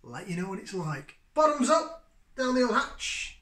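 A man's voice: high-pitched, sing-song, normal speed, sharp tone. A man in his thirties reviewing a beer in his home kitchen, chatty and enthusiastic as he sniffs and sips. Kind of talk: casual beer tasting review. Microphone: fixed camera at table distance. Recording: echoey kitchen.

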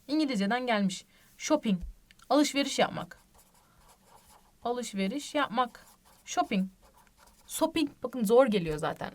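A woman teaching a language lesson online, patient and reassuring, repeating each example word slowly and often checking in with her students. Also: fairly high pitch, a little mellow. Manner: asks the class frequent tag questions. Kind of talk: online lesson explaining reading rules.

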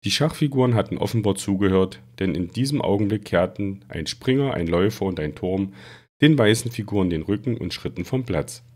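A man reading a children's fantasy book aloud in a steady storytelling manner. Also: on the low side, a little fast. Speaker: reader.

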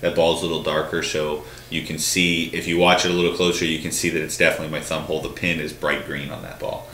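Answering questions at the desk of a bowling talk show, this co-host in his thirties has a very deep, level voice that is bright and forceful, and he talks quickly. He explains things at length in casual studio chat, restarting often and gesturing with his hands, over roomy echo and a faint hum.

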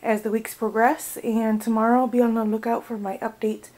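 A woman's voice: on the high side, level tone, normal speed, darkish tone, low-quality recording. A young American woman chatting casually in a vlog, rambling with lots of fillers. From United States. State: out of breath. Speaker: vlogger.

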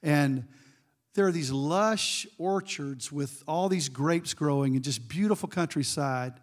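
A man's voice: fairly high pitch, measured pace. A middle-aged man giving a sermon as guest preacher, telling a story with asides to the congregation.

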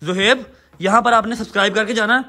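Guy vlogging, high bright voice, jokey and pushy, lots of "theek hai". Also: steady tone, fast talker. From Pakistan. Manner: warm, teasing, emphatic. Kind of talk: casual family vlog talk.

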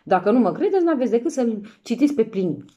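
Animated actress reading a storybook. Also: female voice, fairly high pitch, lo-fi sound. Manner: lively, playful, acts out voices and exclamations. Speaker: actress reading a book aloud.

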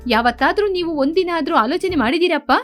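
A woman's voice: extremely high pitch, lively intonation, fast, soft background music. A woman voicing a proud, defiant young woman educated in the city, speaking sharply and indignantly.

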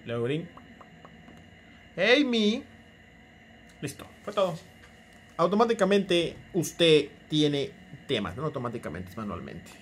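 Joking Mexican man with a lively voice. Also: fairly high pitch, slow pace, pauses often, a little hiss or hum. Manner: joking, chatty, teasing the viewer. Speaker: tech YouTuber. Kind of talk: casual tutorial vlog.

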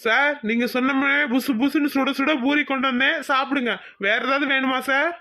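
A woman's voice: sits high, fairly even intonation, fairly quick, pushed and bright, dry recording, clean studio sound, voice pushed up. A woman voicing an eager male hotel waiter in a cartoon, reeling off dishes in a chirpy, salesy way. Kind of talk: cartoon voice acting.

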